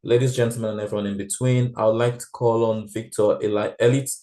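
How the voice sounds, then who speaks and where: A man's voice: on the low side, little pitch movement, quick pace, warm tone. A man rehearsing as host of an online event, hesitant and checking details. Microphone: video call.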